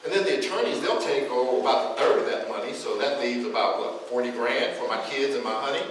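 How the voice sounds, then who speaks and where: A man's voice: mid-range voice, fairly quick. A man performing a live spoken-word poem with a rhythmic, rhyming delivery and wry asides. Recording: echoey room, mic far off, faint noise.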